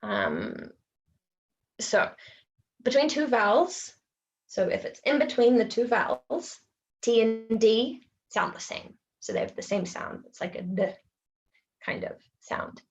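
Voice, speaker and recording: A woman with a New Zealand accent gives an online pronunciation lesson, speaking slowly and in a fairly high voice. She repeats each example phrase several times so learners can hear it. The sound is dull and lo-fi, like webinar audio. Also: wildly swooping pitch. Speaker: English teacher.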